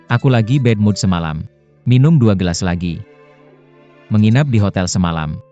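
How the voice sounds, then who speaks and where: A man's voice: lowish voice, mellow, close to an everyday voice. A man acting a jealous, brooding young businessman questioning his partner in a dubbed drama. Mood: sullen. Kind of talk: dubbed serial drama dialogue. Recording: dull lo-fi audio, music behind.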